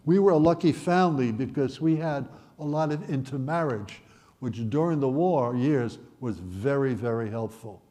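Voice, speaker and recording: Mellow-voiced old Dutch-born man telling his story. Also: medium pitch, measured pace. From Netherlands. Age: 80s. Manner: wry, gently humorous storytelling. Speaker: Holocaust survivor speaker. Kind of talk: personal storytelling talk.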